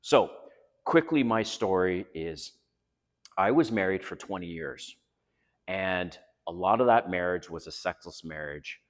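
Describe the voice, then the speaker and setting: A man's voice: sits low, animated, unhurried. Frank middle-aged man, echoey reverb. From Canada. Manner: frank and earnest, swears freely. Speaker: vlog host. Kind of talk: candid personal vlog talk. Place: outdoors by a residential pool.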